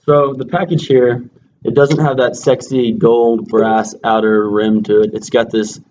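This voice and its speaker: A man with a mid-pitched voice chats casually with a lip full of dip, slipping in dry, crude jokes. The sound is dull and lo-fi, with faint noise. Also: level tone, a little slow, a little mellow. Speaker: co-host reviewing dipping tobacco. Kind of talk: casual chat review.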